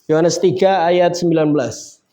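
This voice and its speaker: A man's voice: fairly high pitch, fairly even intonation, normal speed, dark tone. A man preaching a sermon in a casual, conversational way, building up to emphatic points. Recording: dull lo-fi sound.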